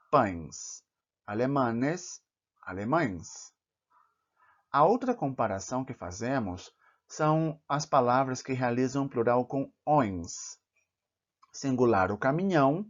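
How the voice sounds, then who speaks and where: A man teaching plural rules in a careful lesson, saying each example word slowly and clearly. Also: medium pitch. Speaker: Portuguese teacher. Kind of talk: slow, deliberate grammar lesson. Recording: dull, slightly lo-fi recording.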